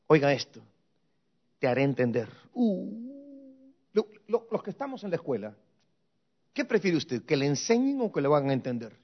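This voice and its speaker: A man preaching a sermon as pastor and seminary teacher, asking rhetorical questions and repeating refrains. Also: fairly high pitch. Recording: muffled lo-fi recording.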